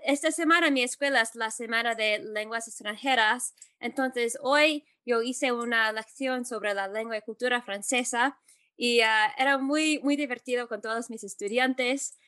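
A woman Spanish teacher answering interview questions, pausing often with fillers and correcting herself as she goes. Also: fairly high pitch, a bit bright, no echo. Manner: hesitant, many fillers and self-corrections.

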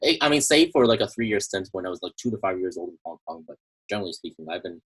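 A man hosting a casual podcast interview, reading his intro slowly, then chatting with fillers and soft trailing endings. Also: deep voice, expressive, breathy edge. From Canada. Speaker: podcast host.

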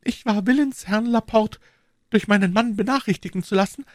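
Male narrator's young lady voice for an audiobook: high, quick, breathless when frightened, close dry mic. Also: dry recording, natural voice. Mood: earnest. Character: young Parisian woman, clever, secretive, easily alarmed. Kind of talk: audiobook reading with character voices.

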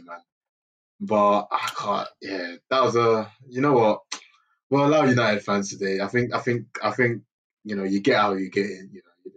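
A man's voice: fairly low pitch, far from the mic. A young man, co-hosting a casual football chat in laid-back, slangy banter. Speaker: podcast co-host.

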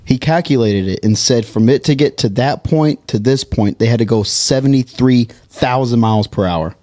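A man's voice: mid-range voice, normal speed, no echo. Man, podcast co-host, storytelling, stumbles and repeats words, dry close sound. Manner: animated retelling, repeats words, acts out quotes. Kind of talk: casual podcast chat, storytelling.

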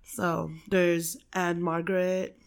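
A woman from the Philippines talks in an easy, unscripted way, her voice sitting a little low. She laughs between thoughts, swears without fuss and leans on um and like as she goes. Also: flat delivery, slow pace, vocal fry, smooth. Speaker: podcast guest. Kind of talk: casual chat.

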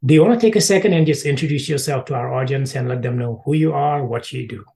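A man's voice: medium pitch, quick pace, gravelly, a little mellow, breathy edge. A man hosting a motivational podcast, introducing episodes and interviewing guests. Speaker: podcast host.

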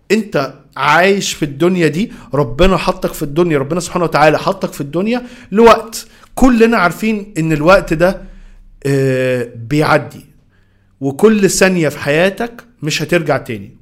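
Fast-talking Egyptian motivational speaker, man. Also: fairly high pitch. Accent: Egyptian Arabic. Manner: earnest, direct, addresses the listener. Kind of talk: motivational monologue.

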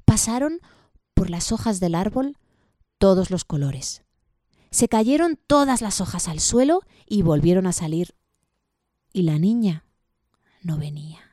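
A woman storyteller telling a children's tale in a playful, expressive, unhurried way. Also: mid-range voice, no echo, clean studio sound. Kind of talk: storytelling performance with songs.

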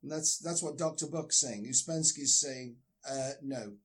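Man, fairly high voice, casual book discussion, ranting, swears freely, heard over a call. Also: unhurried, fairly bright tone. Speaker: discussion partner.

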